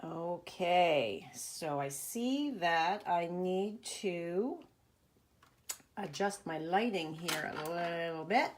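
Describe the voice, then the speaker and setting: A middle-aged woman with a cold, nasal and congested, demonstrates stamping on a home craft live stream filmed with a tablet camera. She chats casually with lots of ums, drawing out her words in a fairly low voice with lively intonation, over a noisy background.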